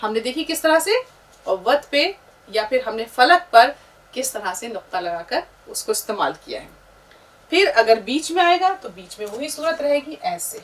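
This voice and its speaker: A woman's voice: high-pitched, fairly bright tone, far from the mic, slight background noise, poor audio. A woman teaching a beginners' script lesson, explaining letter shapes patiently step by step. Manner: patient, explaining, pointing at letters as she writes. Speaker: Urdu teacher.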